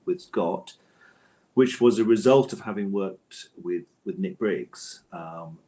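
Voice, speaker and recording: Low-pitched and warm, the voice belongs to a middle-aged man who writes books and scripts for audio drama. He takes his time answering the interviewer, sounding reflective and unsure, frequently restating his points.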